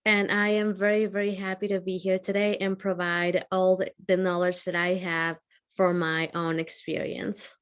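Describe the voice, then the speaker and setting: A woman's voice: fairly low pitch, little pitch movement, moderate pace, clean tone. Young woman from El Salvador. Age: young adult. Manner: warm, slightly nonnative phrasing. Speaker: guest speaker.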